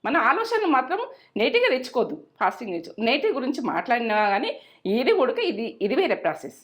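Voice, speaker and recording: Racing along in a high voice with wildly swooping pitch, a middle-aged woman hosts her cooking channel. Her tone is a bit bright as she chats casually, gives homely tips and says things more than once.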